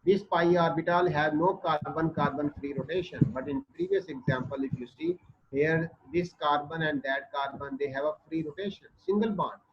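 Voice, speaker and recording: Man, North Indian accent, slightly high voice, classroom lecturer, explanatory, muffled sound. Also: normal speed, slightly rough. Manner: explanatory, checks understanding with short tag questions. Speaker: chemistry lecturer. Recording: dull muffled audio with background noise.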